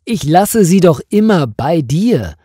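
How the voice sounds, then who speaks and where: A man's voice: big pitch swings, slow pace, dark tone, breathy edge, no echo, studio quality, exaggerated voice. A man reading a story voices an upset wife hunting for her lost handbag, in a raised, agitated voice. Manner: pitched up high, agitated and pleading.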